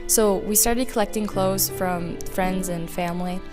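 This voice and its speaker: A woman's voice: medium pitch, unhurried. A young woman, a student interviewee, explaining casually with fillers. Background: music.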